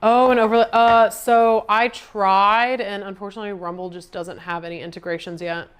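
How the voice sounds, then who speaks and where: A woman's voice: medium pitch, little pitch movement, normal speed, clear, resonant tone. A woman livestreaming from her home kitchen, chatting to viewers while she cooks. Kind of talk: casual livestream chat.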